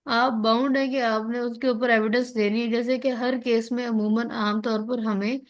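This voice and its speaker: In this explanatory online class, a female law lecturer with a Pakistani accent reads legal text aloud and walks through its meaning. Her voice sits on the high side, steady in tone and moderate in speed, and she keeps checking comprehension while answering her own questions.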